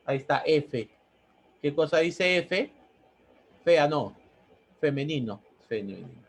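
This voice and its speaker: Male teacher, slightly high-pitched voice, explains step by step with repetition. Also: animated, slow. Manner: explains step by step, repeating words and asking "¿no?". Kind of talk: classroom grammar lesson.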